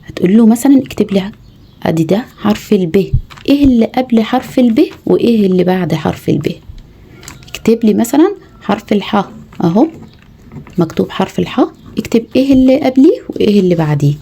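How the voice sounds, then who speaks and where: A woman's voice: medium pitch, animated, fast talker, vocal fry, dark tone, slightly rough. A woman with an Egyptian Arabic accent, teaching mothers how to tutor their children, patiently spelling out letters one by one. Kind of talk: home tutoring lesson.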